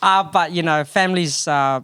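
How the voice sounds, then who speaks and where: A New Zealand man in his thirties, guest co-hosting a podcast and telling stories about himself in a relaxed, chatty way, laughing often. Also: a little high, moderate pace, smooth, dry recording, clean studio sound. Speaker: guest co-host. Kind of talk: casual podcast chat.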